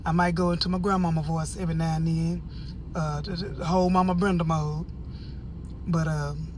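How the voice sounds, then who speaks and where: An American woman giving casual, opinionated video commentary in an animated, emphatic way, drifting into rambling asides. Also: low voice, normal speed, a little hiss or hum. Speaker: online reviewer and host.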